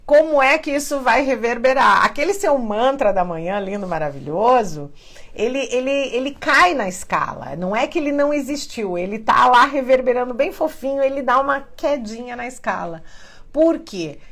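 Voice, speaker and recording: A woman with a Brazilian Portuguese accent, hosting a live stream and teaching in a chatty, animated way, often acting out quoted voices. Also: on the high side, normal speed. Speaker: spiritual live-stream host. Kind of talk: casual teaching to a live audience.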